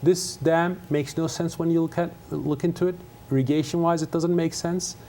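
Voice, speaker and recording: A middle-aged man from Turkey, Turkish his first language, speaks earnestly as a guest in a TV studio interview. His voice sits a little high for a man, and he often pauses on fillers and restarts his sentences. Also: fairly even intonation, mellow, slight background noise. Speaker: guest, conservation scientist. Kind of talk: casual interview talk.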